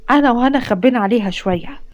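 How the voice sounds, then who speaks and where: A woman with an Egyptian Arabic accent voicing a kindly male doctor who is an old family friend, warm and reassuring. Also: on the high side, rapid-fire, natural voice.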